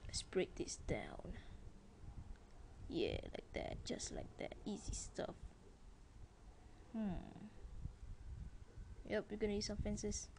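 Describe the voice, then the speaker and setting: Slow, gravelly-voiced woman narrating a game. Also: mid-range voice, sing-song, a little mellow, slight background noise. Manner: chatty, talks to viewers while playing. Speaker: gameplay commentator. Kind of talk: casual let's-play commentary.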